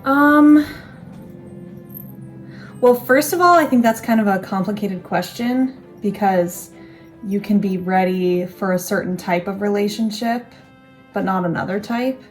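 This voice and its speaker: A woman's voice: medium pitch, unhurried, long pauses, faint music behind. Young woman musing in casual chat. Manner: reflective, rambling with restarts and fillers. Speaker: co-host.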